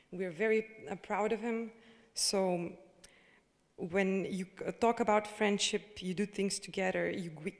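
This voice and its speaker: Woman speaking in a hall. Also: mid-range voice. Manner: hesitant, many fillers and restarts. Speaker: bank representative. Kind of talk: speech at a live corporate event. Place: event hall. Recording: long hall reverb.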